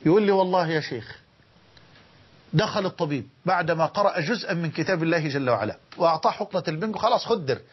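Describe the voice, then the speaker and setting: A man preaching with an Egyptian accent, an older speaker telling stories with emotion and dramatic pauses. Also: a little high, expressive, husky, lo-fi sound. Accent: Egyptian Arabic. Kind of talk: sermon.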